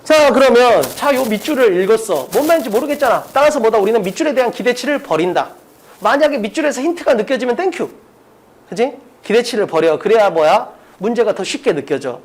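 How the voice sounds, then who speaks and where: Exam-prep lecturer, casual and pushy, drills the class with quick rhetorical questions and a very lively, swooping pitch. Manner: emphatic, pleading with students.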